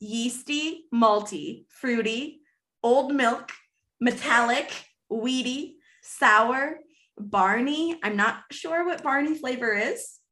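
A woman's voice: fairly high pitch, takes it slowly, a bit bright. A young woman co-hosting a casual podcast, explaining at length with plenty of fillers. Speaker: podcast co-host.

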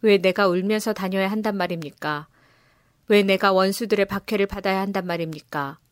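A woman giving a measured, solemn scripture reading. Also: medium pitch, no room sound, clean studio sound. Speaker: scripture reader.

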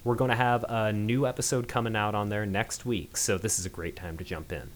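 Man, podcast host, lowish voice, easygoing delivery, remote mic, slight background hiss. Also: fairly quick. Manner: relaxed, with fillers and restarts. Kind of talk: casual podcast chat. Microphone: remote call-in mic.

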